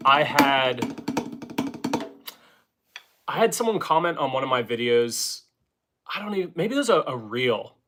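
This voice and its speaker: A man's voice: mid-range voice, unhurried, pauses often, faint music behind. Male drummer hosting a casual home live stream, loose and rambling, filler-heavy delivery. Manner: rambling, relaxed, with many filler words. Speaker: drummer and channel host. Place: home, playing snare drum between talk.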